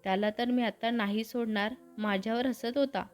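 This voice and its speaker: A woman's voice: a little high, steady tone, moderate pace, soft background music, close to an everyday voice. A woman voicing a proud, hot-tempered young woman in a storybook reading. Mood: angry. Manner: angry, indignant.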